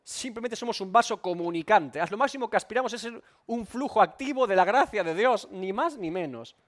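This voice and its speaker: Emphatic high-voiced pastor. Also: male voice, expressive, brisk. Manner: emphatic, repeats and rephrases points, asks rhetorical questions. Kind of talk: expository Bible study sermon.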